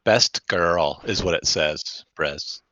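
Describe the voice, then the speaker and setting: Slow, deep-voiced man playing a tabletop game. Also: pushed and bright, no echo. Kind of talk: casual game chat. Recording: dull lo-fi audio.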